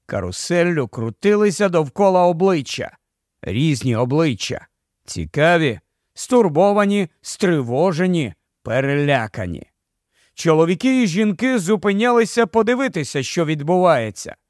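A man narrating an audiobook in a slow, expressive storytelling manner. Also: a little high, no echo. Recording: dry close studio sound.

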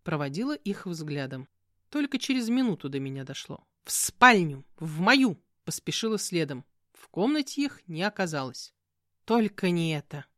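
A woman narrating a fantasy audiobook in the first person, with an expressive, animated reading. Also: fairly low pitch, moderate pace, no echo, studio quality.

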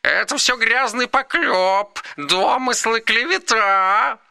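A man's voice: very high voice, animated, vocal fry, clear, resonant tone, no room sound, studio quality, heavily acted. A man voicing a sly whispering telepathic cat. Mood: sly indignant. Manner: quiet, insinuating, slow and drawn out. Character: sly, sneaky male cat speaking telepathically.

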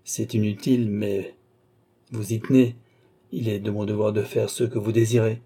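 A man reading an audiobook, voicing a composed doctor who speaks in a calm, measured and gentle way. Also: on the low side, slightly rough. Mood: grave. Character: grave, composed male doctor.

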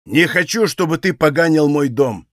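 A man's voice: a little high, lively intonation, normal speed, no room sound, studio quality. A man doing a stern old Cossack father. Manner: loud, firm, commanding.

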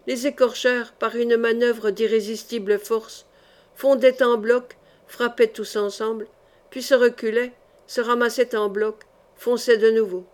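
A woman's voice: a little high, a little mellow. A woman reading a historical adventure novel aloud as an audiobook, with dramatic delivery. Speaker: audiobook reader.

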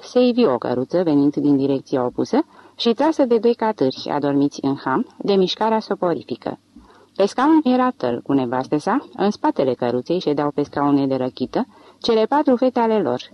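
A woman narrating a literary audiobook with an expressive, dramatic reading. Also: deep voice, muffled recording.

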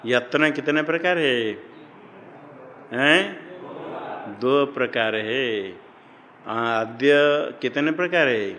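A man lectures on Sanskrit grammar at a slow, deliberate pace. He poses questions and answers them himself, and slips into chanting the rules. His voice carries a long reverb, as in a large hall. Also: medium pitch, sharp tone, a little hiss or hum. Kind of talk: classroom lecture.

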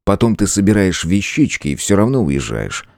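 A man's voice: sits low, sing-song, normal speed, vocal fry, darkish tone, dry recording, clean studio sound, exaggerated voice. Man as a cold, commanding young lord. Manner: curt, commanding. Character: young lordly male hero, cold and domineering.

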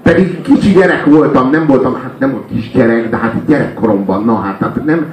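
A man's voice: mid-range voice, reverberant, a crowd in the background, rough recording. A man mocking a music video in casual chat, sarcastic and often laughing. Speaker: commentator reviewing music videos.

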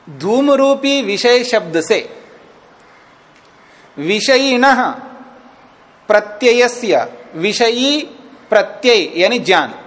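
A man's voice: sits high, fairly bright tone. A man teaching a class as a swami, reciting Sanskrit lines and explaining each phrase, and checking whether his students follow. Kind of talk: classroom lecture on a scripture text. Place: teaching session at a retreat.

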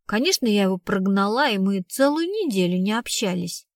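A woman's voice: medium pitch, sing-song, a little fast, no echo, clean studio sound. A woman reading the part of a blunt, streetwise young woman who tells her story in slangy, casual speech. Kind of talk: audiobook reading.

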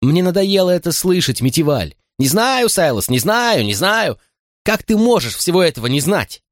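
A man's voice: medium pitch, sing-song, normal speed, no room sound, clean studio sound, voice pushed up. A man voicing an anxious young boy who presses with emotional, pleading questions in an audiobook.

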